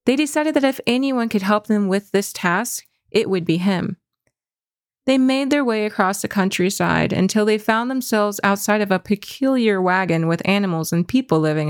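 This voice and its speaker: A woman reading a dream story aloud in a measured, reflective way, then musing on what it means. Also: mid-range voice, dry recording, clean studio sound.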